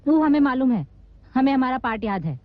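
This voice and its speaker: A sharp-tongued young actress. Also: female voice, high-pitched, sing-song, a little fast, dry recording, narrow, tinny audio. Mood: defensive. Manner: defensive, retorting.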